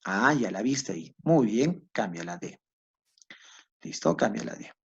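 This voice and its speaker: Male teacher, animated swinging pitch, husky voice, muffled lo-fi recording, lecture. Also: unhurried. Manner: asks himself questions and answers them, addresses students directly. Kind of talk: classroom lecture. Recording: dull lo-fi recording.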